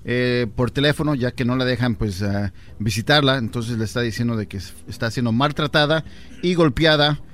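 A man's voice: medium pitch, fairly bright tone. Man reporting news on a radio show. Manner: halting news reporting with fillers.

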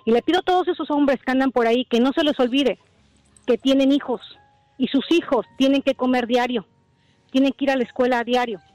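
A woman's voice: high voice, a little fast, darkish tone, no echo, faint music behind, low-quality recording. Firm, lecturing woman caller. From Dallas, Texas. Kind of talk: radio phone-in opinion.

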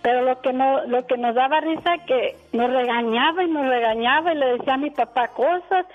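A high-voiced woman caller chatting over a muffled phone line. She tells her story in a lively, easy way and laughs freely, with light music playing behind her. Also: fairly quick. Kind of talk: phone-in chat.

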